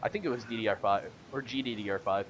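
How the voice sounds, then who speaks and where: A man's voice: fairly low pitch, fast, fairly bright tone, slight background noise, poor audio. Rambling young-sounding man with fillers. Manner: rambling, hesitant, lots of fillers. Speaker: podcast co-host. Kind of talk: casual gaming chat.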